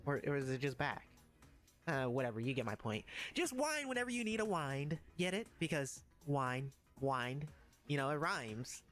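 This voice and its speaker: A man's voice: mid-range voice, very animated, normal speed, fairly bright tone, faint music behind. A man voicing a cheerful wind-up clockwork toy that needs winding to move, with a bouncy, giggly, punning manner. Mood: playful.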